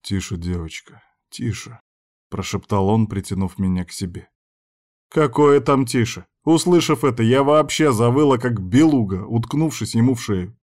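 A man reading a novel aloud as an audiobook narrator, telling the story in a calm, even way. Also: medium pitch, normal speed. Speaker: audiobook reader. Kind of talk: scripted narration.

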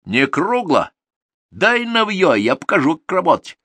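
A man's voice: sits high, big pitch swings, a little slow, bright, forceful tone, no room sound, voice pushed up, heavily acted. Audiobook role: a man playing a defiant young villager, grumbling, raised voice, dry. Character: stubborn sullen young male villager.

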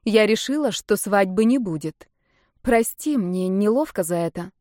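A woman voicing a soft-spoken young woman, gentle and hesitant, in a spoken story. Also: mid-range voice, lively intonation, moderate pace, dry recording, clean studio sound, close to an everyday voice.

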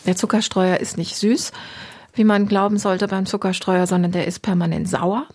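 A woman's voice: medium pitch, little pitch movement, normal speed, darkish tone. A woman speaking as a radio drama director in an interview, reflective and thoughtful. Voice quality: creaky, husky.

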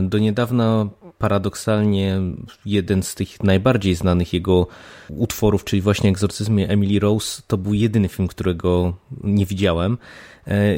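A man's voice: lowish voice, dark tone. A man co-hosting a film podcast, chatting casually and often searching for words. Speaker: podcast co-host.

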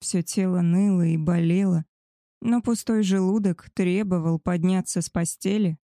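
A woman's voice: lowish voice, steady tone, normal speed, mellow, no echo. A woman reading a novel aloud as first-person narration, close to the microphone. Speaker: audiobook narrator.

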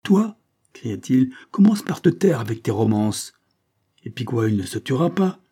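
A man's voice: medium pitch, sing-song, measured pace, dark tone, husky, pitched above the performer's own voice. A man voicing a brutal, bullying male fairground acrobat master who barks sneering orders. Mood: sneering, furious.

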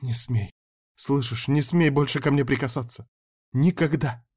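A man's voice: mid-range voice, fairly even intonation, normal speed, dark tone, voice pushed up, natural voice. A man voicing a distraught, defiant pregnant young woman in an audiobook, with a raised, strained pleading voice. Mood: furious. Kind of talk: audiobook character voice.

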